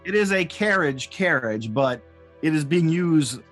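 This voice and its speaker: A man improvising narration as game master, halting and jokey as he describes the scene. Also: fairly high pitch, lively intonation, fairly bright tone, faint music behind. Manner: halting, jokey, often chuckling.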